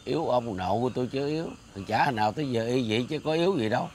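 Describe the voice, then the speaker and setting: A man's voice: medium pitch, lively intonation, rapid-fire, a little mellow, slight background noise, close to an everyday voice. An actor playing a jealous, grumbling middle-aged man with a Southern Vietnamese accent in a comedy sketch, accusing and theatrical. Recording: music bed under the dialogue.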